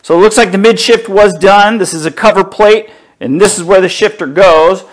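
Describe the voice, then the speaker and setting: A middle-aged man slowly unboxing and inspecting car parts in his home garage, talking casually to a camera a few feet away. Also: high voice. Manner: slow, easygoing, talks while handling parts. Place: home garage workshop, indoors.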